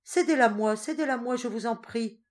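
A woman's voice: fairly high pitch, moderate pace, darkish tone, voice pushed up, lightly acted. A woman voicing a spoiled, impetuous rich young girl in a storybook reading, who speaks in a pleading, eager way.

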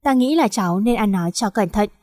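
A woman's voice: mid-range voice, animated, a little fast, warm tone, no room sound, studio quality, big-room sound, lightly acted. Woman narrator doing a scheming old boss, mocking and smug, storybook reading. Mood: gloating. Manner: gloating, mocking. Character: cold scheming older male crime boss.

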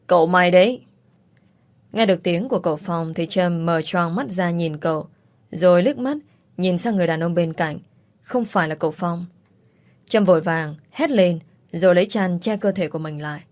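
Low-voiced woman reading a story over music. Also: a little mellow. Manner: reads all characters in one voice. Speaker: story narrator. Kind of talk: storytelling narration with dialogue.

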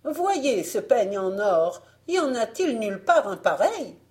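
A woman voicing a wicked, vain queen who schemes and rages, in an audiobook fairy tale, her voice going high and shrill. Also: very animated, a little slow, a little mellow. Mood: wheedling, sly.

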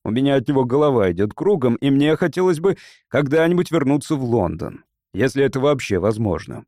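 A man voicing a patient, determined English politician making a measured, persuasive speech. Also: medium pitch, sing-song, darkish tone, dry recording, studio quality.

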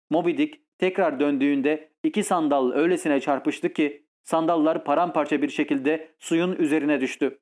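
A man narrating an adventure audiobook in a steady, measured storytelling voice. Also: on the high side.

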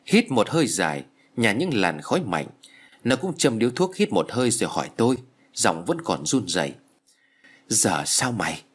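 A man's voice: lowish voice, wildly swooping pitch, moderate pace, husky. A man narrating a first-person story as an audiobook reader. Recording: faint background music.

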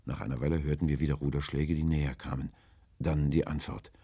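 A man narrating a story in a measured, even audiobook reading style. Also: a bass voice, husky, dry recording.

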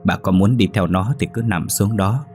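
A man voicing a calm, eerie old man who speaks slowly and evenly. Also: lowish voice, soft background music, natural voice. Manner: slow and composed.

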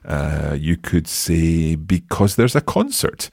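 A man hosts an Italian lesson for learners, explaining grammar patiently. His voice is very deep but moves a lot in pitch, with a husky edge. The sound is close and dry. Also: very animated, slow, a little mellow, dry recording. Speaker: language teacher, host. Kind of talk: language lesson podcast.

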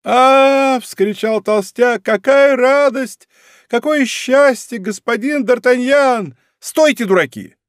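A man's voice: slow pace, no room sound, studio quality. A man voicing a fat, aging manservant who sighs and moans plaintively in a storybook reading. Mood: plaintive joy. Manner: high plaintive moaning and sighing. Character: fat aging male servant, plaintive and fawning.

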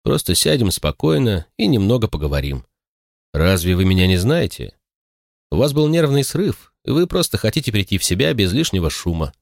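A man voicing a calm young doctor who speaks gently and soothingly in an audiobook reading. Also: lowish voice, normal speed, creaky, no echo, clean studio sound. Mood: gentle.

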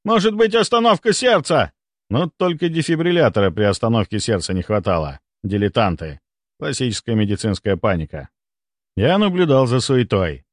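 A man's voice: lowish voice, very animated, moderate pace, dry recording. A man narrating a first-person audiobook in a dry, sardonic manner.

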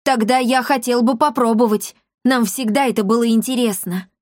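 A woman's voice: a little high, fairly even intonation, normal speed, no echo, studio quality, pitched above the performer's own voice, close to an everyday voice. Woman doing eager boastful boy Pima. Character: excitable scatterbrained young boy inventor.

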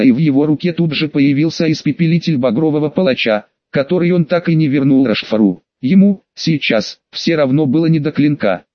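Man narrating an audiobook, slightly high voice. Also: no echo, lo-fi sound. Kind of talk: scripted fantasy audiobook narration.

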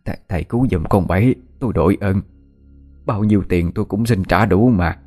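A man's voice: deep voice, brisk, mellow, faint music behind. A man voicing a desperate elderly mother who begs a healer through tears. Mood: desperate pleading. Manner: tearful pleading.

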